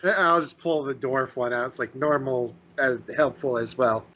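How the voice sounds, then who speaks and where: A man playing a tabletop game, talking in a halting, hesitant way. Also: medium pitch, a bit bright, muffled recording. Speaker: player.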